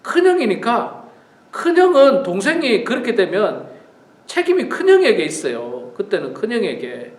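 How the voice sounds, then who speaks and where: A man's voice: high voice, huge pitch swings, moderate pace, echoey room. A male pastor giving an earnest, emphatic morning prayer sermon, repeating key phrases. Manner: earnest, repetitive, emphatic preaching.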